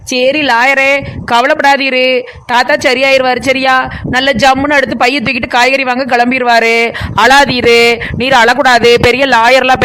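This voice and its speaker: Woman doing a rapid-fire nosy village aunty from the far south of tamil nadu, rambling and teasing nonstop. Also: high-pitched, a bit bright, slight background noise. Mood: bossy. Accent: southern Tamil Nadu (Kanyakumari–Tirunelveli). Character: chatty nosy village woman, blunt and comic. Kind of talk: cartoon comedy voice acting.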